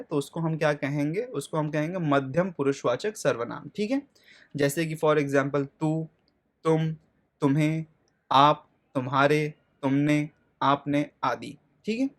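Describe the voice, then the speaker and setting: Guy teaching grammar, slightly high voice, keeps asking then answering himself, checks in a lot. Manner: repeats questions and answers them himself, checks in often; slows down to spell out word lists. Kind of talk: grammar lesson.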